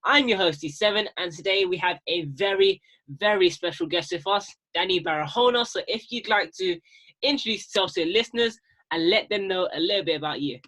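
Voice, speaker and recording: A man's voice: sits high, fairly quick, bright, forceful tone. A man hosting an interview podcast, who welcomes his guest politely and encourages him to share. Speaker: podcast host.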